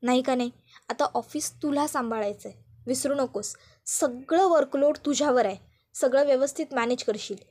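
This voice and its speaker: A woman voicing a calm businessman who speaks in a measured, reassuring way. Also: sits high. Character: calm jailed businessman, steady older brother.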